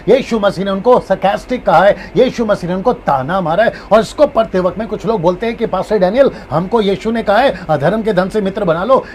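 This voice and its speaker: A man's voice: sits high, a little mellow, a little hiss or hum. A man preaching as a pastor in a live-streamed Bible teaching, who repeats his key points and acts out different tones of a phrase.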